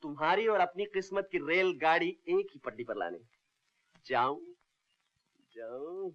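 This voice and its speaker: एक अभिनेता पुरानी हिंदी फ़िल्म में एक मस्तमौला, दबंग युवा प्रेमी का किरदार निभा रहा है।. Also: male voice, fairly high pitch, lively intonation, unhurried, fairly bright tone, muffled recording. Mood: playful. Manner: teasing and cocky. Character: swaggering rough-edged young man, playful lover. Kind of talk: 1970s Hindi film dialogue.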